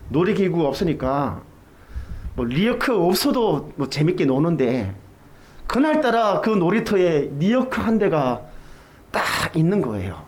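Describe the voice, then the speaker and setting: Animated high-voiced Korean pastor. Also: male voice. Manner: animated storytelling, acts out quoted voices. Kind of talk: sermon with childhood story.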